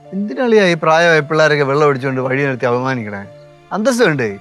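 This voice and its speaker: An actor playing a stern, sensible uncle who scolds and reasons in a TV sitcom. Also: male voice, a little high, sing-song, fast talker, fairly bright tone. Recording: TV sitcom with music underneath.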